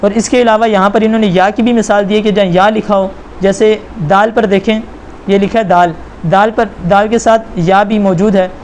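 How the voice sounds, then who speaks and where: A man teaching a Quran reading lesson, patiently repeating points and spelling syllables out slowly for the learner. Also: sits high, steady tone, a little mellow, slight background noise. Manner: patient, repetitive explaining.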